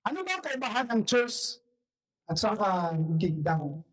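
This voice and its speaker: A hoarse male pastor preaching a lively sermon, switching between Tagalog and English and putting questions to the congregation. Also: sits high, measured pace, poor audio. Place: church service.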